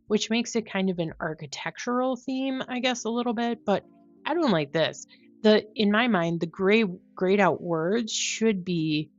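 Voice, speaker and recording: A woman thinking out loud in casual commentary on a puzzle, musing and questioning herself as she explains. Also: fairly low pitch, highs cut off. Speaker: host of a crossword solving video.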